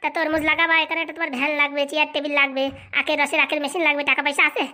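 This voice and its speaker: A woman's voice: high voice, little pitch movement, bright, forceful tone. A woman voicing a scheming young male con man posing as a holy fortune-teller in a comic cartoon, bossy and scolding. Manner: bossy, fast-talking, scolding.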